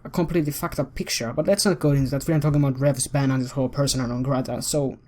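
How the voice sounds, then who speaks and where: A man's voice: medium pitch, steady tone, rapid-fire, darkish tone, a little hiss or hum. A man hosting a commentary video, ranting in a heated, profane and rambling way.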